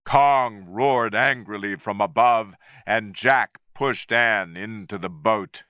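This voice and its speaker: A man reading a story slowly and clearly for English learners. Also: on the low side, sharp tone, no room sound, studio quality. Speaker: narrator.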